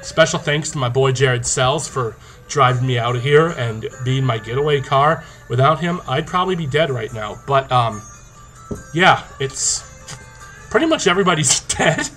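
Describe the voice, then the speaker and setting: A young man talking casually to camera in a video diary, playful, animated and boastful. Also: medium pitch, moderate pace, faint music behind. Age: young adult. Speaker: video diarist in a zombie tag game. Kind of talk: casual vlog talk to camera. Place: small indoor room. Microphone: webcam or laptop mic at arm's length. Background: rock song playing.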